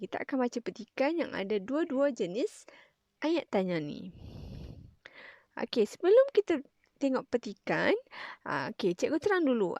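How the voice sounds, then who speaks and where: A Malaysian woman, a primary school teacher, explaining a grammar lesson in a clear, patient way and stressing key words. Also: medium pitch, no room sound.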